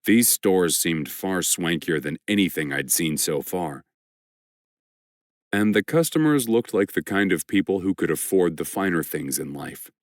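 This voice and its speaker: Deep-voiced male audiobook narrator. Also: animated, measured pace, no echo, clean studio sound. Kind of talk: scripted first-person narration.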